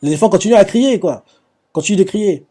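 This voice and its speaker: A man's voice: sits high, expressive, brisk, mellow. A man recapping anime scenes live, retelling the action with lots of fillers and restarts. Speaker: anime reaction host.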